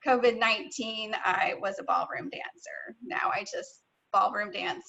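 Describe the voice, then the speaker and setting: A woman's voice: mid-range voice, measured pace, creaky, bright, forceful tone. A woman from rural Illinois introducing herself on a video call, friendly and chatty. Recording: dull lo-fi call audio.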